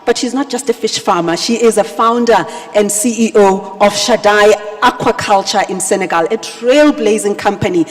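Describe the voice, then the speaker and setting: A woman's voice: mid-range voice, moderate pace, hardly any pauses. Woman moderating in a big reverberant hall. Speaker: panel moderator. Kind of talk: live stage hosting and questioning. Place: large conference hall stage. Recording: echoey hall sound over PA.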